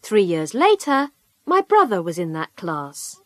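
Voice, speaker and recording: A woman reading a short personal story for a language course in a clear, careful way, recorded in a dry studio. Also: mid-range voice, huge pitch swings, unhurried, no echo. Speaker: model speaker in a language course.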